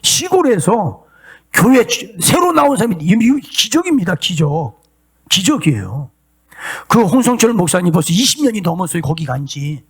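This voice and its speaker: A middle-aged man preaching, his voice pitched high and slightly husky. He moves widely in pitch, swinging from quiet conversational asides to fervent shouted and half-sung appeals. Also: big pitch swings, normal speed. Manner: impassioned preaching, rising to shouts and sung cries. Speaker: pastor. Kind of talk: sermon.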